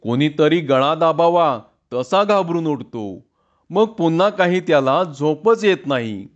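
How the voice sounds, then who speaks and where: A man's voice: on the high side, expressive, a little slow, lo-fi sound. A man voicing a gossipy village schoolmaster who recounts the news at length. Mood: telling.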